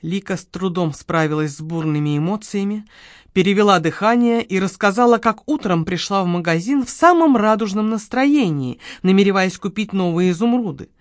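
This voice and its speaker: A woman narrating a comic detective audiobook in a lively, dramatic reading. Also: mid-range voice, normal speed, dry recording, studio quality. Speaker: audiobook reader.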